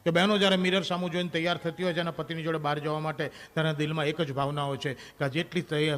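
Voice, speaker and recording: High-voiced man doing stand-up. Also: a bit bright. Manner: chatty, addresses the audience directly. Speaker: stand-up comedian. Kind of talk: stand-up comedy monologue.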